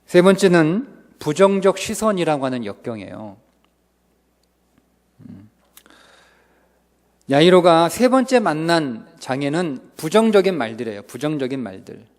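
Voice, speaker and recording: A male pastor preaching a revival sermon, swinging from loud outbursts to whispers, recorded in a church sanctuary. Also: fairly high pitch, sing-song, measured pace, pauses often. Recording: reverberant church hall.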